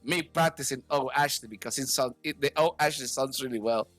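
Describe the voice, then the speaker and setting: A man's voice: mid-range voice, fairly quick, fairly bright tone, faint music behind. A man in casual podcast chat at home, flustered, swearing and laughing things off. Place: room at home.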